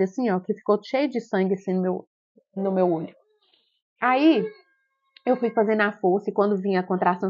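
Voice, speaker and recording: A young woman with a Brazilian Portuguese accent, vlogging and telling a personal story in an animated, exclamatory way. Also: mid-range voice. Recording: dull lo-fi sound.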